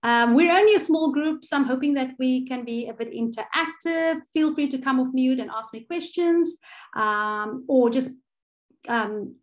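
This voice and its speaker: A woman's voice: sits high, moderate pace. A woman with a South African accent leading an online cooking workshop over a video call, chatty with many fillers and self-corrections.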